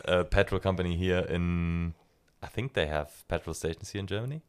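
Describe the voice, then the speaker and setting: A man's voice: sits low, brisk, smooth. A man hosting an interview, asking friendly questions and answering with short agreements. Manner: friendly, with short backchannel replies. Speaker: podcast host. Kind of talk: casual interview chat.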